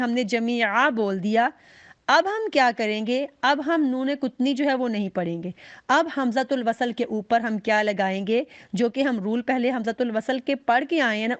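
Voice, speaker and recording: A woman with a fairly high voice teaches a recitation class. She is patient and methodical, and she draws each example out slowly. The recording is close and dry. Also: dry recording, dull audio. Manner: patient, explains step by step and drawls out the recited examples. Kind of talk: online class lecture.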